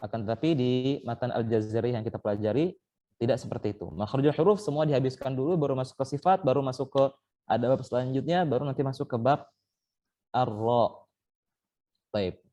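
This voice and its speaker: A man's voice: mid-range voice, fast talker, dark tone. A man teaching Quran recitation in an online training session, patiently explaining step by step and sounding out letters as examples. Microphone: online call.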